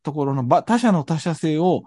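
A man's voice: a little high, lively intonation, a little fast, dark tone. A man with a Kansai accent hosting a reflective discussion, thinking aloud and often searching for his words.

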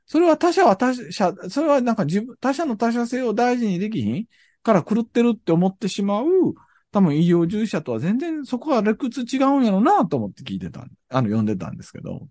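Kansai man, lively rising-and-falling pitch, dry close sound, ponders as he talks. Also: fairly quick, dry recording. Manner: thoughtful, searching for words. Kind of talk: reflective discussion.

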